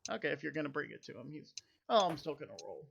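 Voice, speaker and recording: A man running a tabletop role-playing game as game master, thinking aloud in an unhurried way. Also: a little high, sing-song, vocal fry, background noise.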